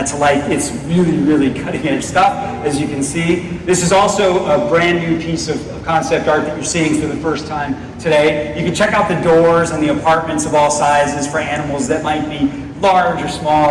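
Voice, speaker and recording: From far back in a large, darkened convention auditorium, an audience member's phone catches a company executive delivering an upbeat, projected keynote on stage to a live crowd. His fairly high voice is steady and at normal speed, reaching the phone through the stage PA amid echo and crowd noise.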